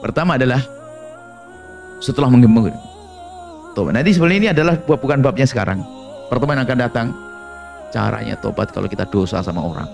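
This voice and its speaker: A man preaching a sermon in an animated storytelling way, acting out little dialogues and laughing along. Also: medium pitch, very fast, vocal fry, soft background music.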